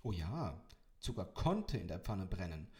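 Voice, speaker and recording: Young guy reading an audiobook, lowish voice, dry and wry. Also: very animated, a little slow, a little mellow. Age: 20s. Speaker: audiobook narrator. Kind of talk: first-person audiobook narration.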